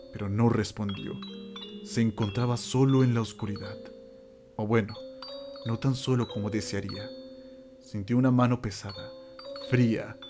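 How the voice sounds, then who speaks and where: A male narrator reads a scripted horror story in a mid-range voice, theatrical and suspenseful, with dramatic pauses and music playing underneath.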